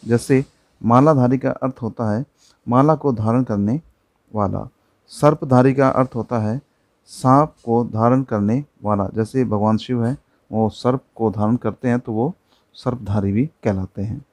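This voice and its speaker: A man's voice: mid-range voice, unhurried, a little mellow, no room sound. A man teaching a primary-school Hindi lesson, patiently explaining words with examples.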